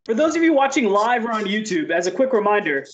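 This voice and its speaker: High, animated male webinar host. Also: fast, lo-fi sound, over music. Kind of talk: scripted webinar hosting.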